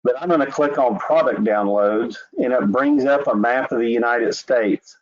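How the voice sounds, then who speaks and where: In a webinar walkthrough of a website, an Oklahoma-born insurance rep with a local accent talks at a moderate pace in a mid-range voice. His manner is easygoing and chatty, with frequent "uh" and "anyway," and the video-call recording is dull and lo-fi.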